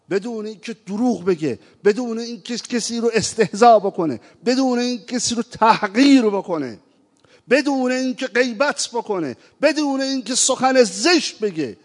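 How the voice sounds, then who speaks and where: A man preaching a sermon, moving from quiet reflection to impassioned appeals and slowly chanting verses. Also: extremely high pitch. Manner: impassioned, rising to emphatic appeals; recites verses in a slow chanting tone. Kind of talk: religious sermon. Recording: reverberant hall.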